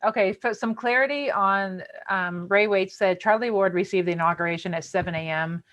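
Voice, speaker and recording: An American woman hosts a casual live online show, teasing and playful while interviewing. Her medium-pitched voice is brisk and a bit bright, and the online call audio sounds dull and lo-fi.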